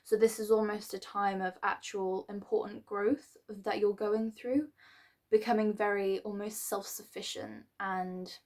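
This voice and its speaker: A woman giving a casual, rambling tarot reading to a star sign, with many fillers and restarts and now and then clearing her throat. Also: mid-range voice, little pitch movement, a little slow, darkish tone. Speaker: tarot reader.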